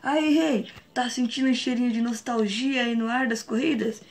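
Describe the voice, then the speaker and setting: A woman's voice: a little high, fairly even intonation, moderate pace, lightly acted. A woman voicing a cheeky male racing car, teasing fellow racers with familiar banter in a toy cartoon story. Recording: noisy home recording with clicks.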